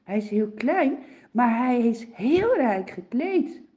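A woman tells a Bible story to children, slow and expressive, her pitch swooping up and down. Her tone is mellow and somewhat high. The recording sounds dull and lo-fi.

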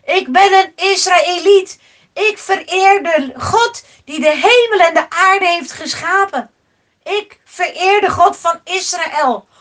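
A woman voicing a remorseful male prophet who declares himself loudly and earnestly in a children's story. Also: sits high, steady tone, slow, full character voice.

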